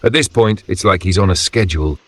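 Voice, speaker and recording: A man's voice: low voice, fairly quick, a bit bright, breathy edge. A man narrating video clips in a casual scripted commentary style, with slangy, wry wording and short punchy phrases.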